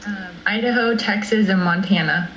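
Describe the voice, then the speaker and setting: A woman's voice: mid-range voice, normal speed, a bit bright, dull audio, slight background noise. A woman board member asking questions at a meeting, uncertain and conversational.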